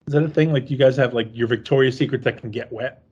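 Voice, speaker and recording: A man's voice: mid-range voice, quick pace, a little mellow, breathy edge, dull audio. A man co-hosting a horror film podcast, chatting casually in a rambling, jokey and profane way. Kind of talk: casual chat.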